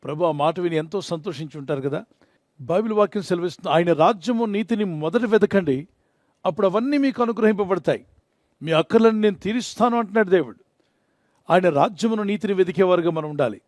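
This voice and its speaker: A man's voice: high-pitched, brisk, a little mellow, no echo, studio quality. A man preaching an earnest sermon, repeating key phrases, leading a prayer and slipping into English now and then. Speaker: pastor.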